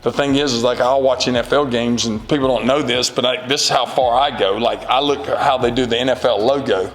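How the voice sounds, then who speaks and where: A man in his forties, a high school football coach, answering interview questions in an earnest, rambling way with many fillers. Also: steady tone, a little fast, long reverb tail, poor audio. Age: 40s.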